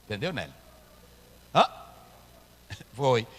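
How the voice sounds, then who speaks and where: A man preaching a sermon as a pastor, breaking into loud shouted climaxes. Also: mid-range voice, very animated, takes it slowly, slight background noise. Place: church hall. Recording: echoey church hall, long reverb.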